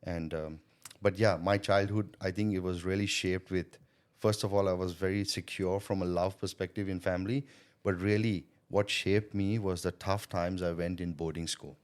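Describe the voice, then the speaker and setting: A man's voice: deep voice, steady tone, moderate pace. A man being interviewed about his business and childhood, talking earnestly and reflectively and often adding "right?" and "you know". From born in Thailand, schooled in India. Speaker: guest, sales coach and business owner. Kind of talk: interview conversation.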